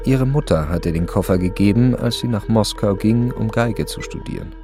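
A man narrating a radio play in a calm, measured storytelling voice. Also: fairly low pitch, over music. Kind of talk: scripted narration.

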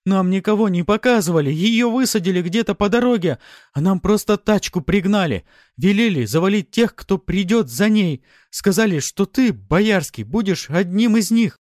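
A man's voice: high-pitched, animated, normal speed, darkish tone, dry recording, studio quality, pitched above the performer's own voice. A man voicing a terrified, wounded young male bandit who stammers and screams in panic. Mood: panicked pleading. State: screaming in pain.

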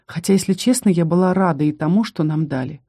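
A woman narrating a first-person audiobook with expressive storytelling. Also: on the low side, fast talker, husky.

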